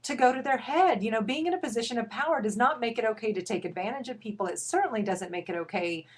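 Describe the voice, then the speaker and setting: A woman's voice: a little high, lively intonation, fast, slightly rough. Impassioned woman parent coach ranting. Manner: impassioned, emphatic, with restarts. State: a bit out of breath. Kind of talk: passionate video rant.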